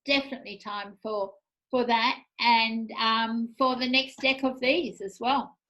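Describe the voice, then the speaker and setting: A woman's voice: fairly high pitch, steady tone, measured pace, bright, forceful tone, poor audio. A woman hosting a chat show, talking about her art in a chatty, enthusiastic way. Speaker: show host, artist. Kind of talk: casual chat.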